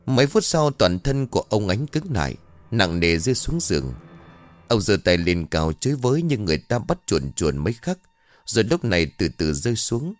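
Male ghost-story narrator, low and expressive, dramatic delivery over faint music. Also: normal speed, no echo.

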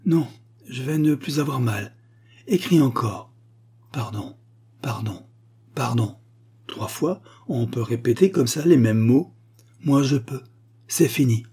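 A man reading aloud, voicing a weary, remorseful dying father who dictates in a halting, pleading way. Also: mid-range voice, expressive, dark tone, husky, pitched above the performer's own voice.

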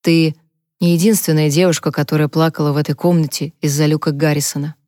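A woman reader voicing a kind older mother who speaks in a gentle, soothing, motherly way. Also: low-pitched, flat delivery, fast, dry recording, clean studio sound, lightly acted.

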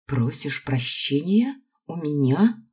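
Woman voicing a jealous young student, hissing, shouting, husky, dark low voice. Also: sing-song, takes it slowly, full character voice. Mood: tearful. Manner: hissing through teeth, breaking into shouts.

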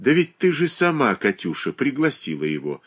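A man reading aloud, voicing a gentle, timid older mother who speaks softly and anxiously. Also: mid-range voice, big pitch swings, normal speed, voice pushed up.

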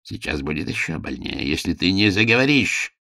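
A man's voice: very animated, normal speed, gravelly, sharp tone, no echo, clean studio sound, heavily acted. A man voicing a cruel, scheming court minister who threatens and gives orders. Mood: menacing. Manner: menacing, squeaking when enraged.

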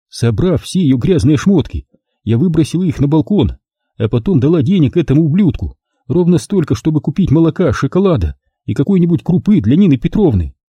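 A man reading a first-person story aloud, expressive and lively. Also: on the high side, slightly rough, dry recording, studio quality. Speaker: audiobook reader. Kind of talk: first-person audiobook narration.

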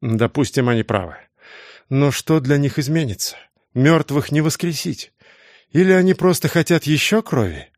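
A man's voice: expressive, normal speed, no echo, studio quality, close to an everyday voice. A man voicing a strict, volatile middle-aged female schoolteacher in an audiobook, raising his voice for her. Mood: sharp. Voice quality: shrill when shouting. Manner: strict teacherly tone. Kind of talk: audiobook reading.

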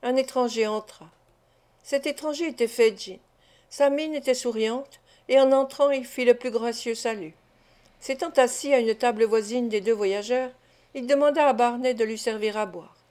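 A woman narrating an audiobook of a classic novel in a measured, even storytelling manner. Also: a little high. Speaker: audiobook reader. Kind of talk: scripted narration.

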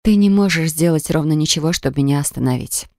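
A woman reading an audiobook voices a proud, quick-tempered young woman who talks sharply and indignantly. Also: low-pitched, darkish tone, dry recording, studio quality. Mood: cold, defiant.

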